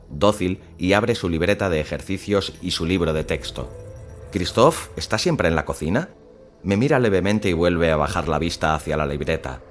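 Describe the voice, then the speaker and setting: Deep-voiced man narrating a suspense story. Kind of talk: first-person story narration.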